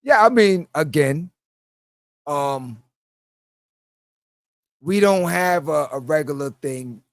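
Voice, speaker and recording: A middle-aged New York man hosts a podcast, casually telling stories, laughing along and acting out the voices he quotes. His voice is fairly high and animated, and he speaks slowly. The recording has no echo.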